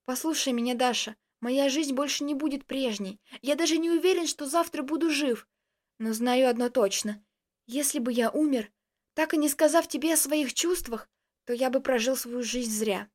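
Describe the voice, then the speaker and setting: A woman's voice: high-pitched, normal speed, lightly acted. A woman voicing a hotheaded, jealous young man in love, speaking in heated, insistent bursts in a read-aloud story. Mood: pleading.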